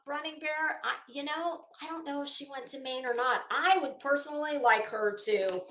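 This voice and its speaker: Her voice a little high and a bit bright, a streamer and commentary host delivers blunt, sarcastic, dramatic takes. She reads aloud, then throws in off-the-cuff comments and swearing, all captured with an echoey, roomy sound.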